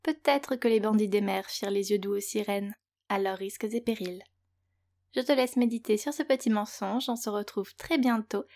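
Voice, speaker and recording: A woman narrates a children's bedtime-style tale from a script, playful and chatty with the listener she addresses. Her voice sits at a middle pitch for a woman. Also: normal speed, darkish tone. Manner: playful, speaks directly to the young listener. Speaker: storyteller and host of a children's audio story show.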